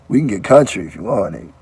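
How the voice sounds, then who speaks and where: Animated joking man reacting. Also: lowish voice, creaky, breathy edge, dry recording. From Nigeria. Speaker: YouTube reaction host. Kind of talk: casual reaction commentary.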